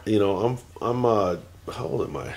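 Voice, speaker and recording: A man in his forties, teary-eyed, speaks off the cuff to a camera at home as a vlogger, rambling through fillers and restarts until he's ranting heatedly. His voice is fairly low and expressive, with a darkish tone and a moderate pace.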